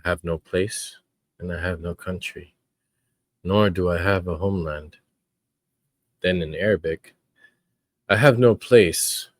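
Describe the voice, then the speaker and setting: Guy with a real deep voice doing his podcast, earnest and thoughtful, lots of pauses, dry close sound. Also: dry recording. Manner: earnest, reflective, with frequent pauses. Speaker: podcast host. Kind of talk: casual podcast commentary.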